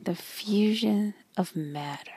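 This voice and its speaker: A woman guiding a meditation in a slow, soft whisper with long pauses. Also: medium pitch, husky. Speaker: meditation guide. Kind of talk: guided meditation.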